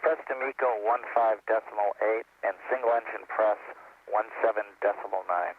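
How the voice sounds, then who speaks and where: A man's voice: lowish voice, moderate pace, slight background noise. A man on the crew, reading back numbers over a narrowband space-to-ground radio link in a clipped, businesslike way. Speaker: shuttle crew commander. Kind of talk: radio procedure callouts and readbacks. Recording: tinny, thin radio link.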